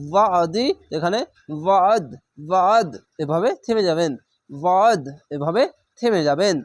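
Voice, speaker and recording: A man's voice: high-pitched, no room sound. A man teaching Quran reading, spelling each letter and vowel aloud before blending the syllables, with patient repetition.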